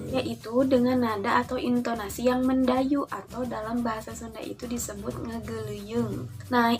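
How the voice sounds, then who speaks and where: A young woman, a university student, giving a measured academic presentation of her research, often starting sentences with "nah". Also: on the high side. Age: young adult. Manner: measured, explanatory, with fillers like "nah" and "gitu".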